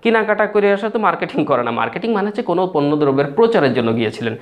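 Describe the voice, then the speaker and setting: A man's voice: high voice, very animated, racing. A man teaching English phrases in a casual video lesson, repeating and spelling out words for viewers while writing on a board. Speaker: English tutor.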